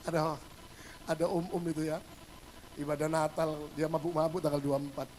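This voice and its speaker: A male pastor giving a humorous sermon, telling stories and acting out the dialogue, swinging between loud bursts and hushed asides. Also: a little high, little pitch movement, a little fast, slight background noise, rough recording.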